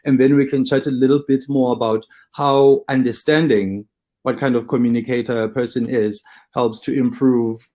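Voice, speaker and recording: A man's voice: mid-range voice, dark tone. A man hosting an interview, asking long, hesitant questions full of restarts. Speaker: interview host. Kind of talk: interviewing a guest.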